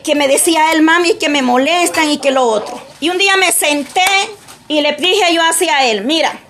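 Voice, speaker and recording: High, bright-voiced woman preaching. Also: a little hiss or hum. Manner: earnest, repeats "amén" often. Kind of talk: sermon.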